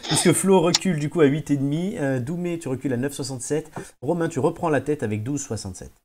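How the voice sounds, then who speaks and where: A man's voice: on the high side, quick pace, a little mellow. A man hosting a casual quiz podcast who teases the players and builds mock suspense around their scores. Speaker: quiz host.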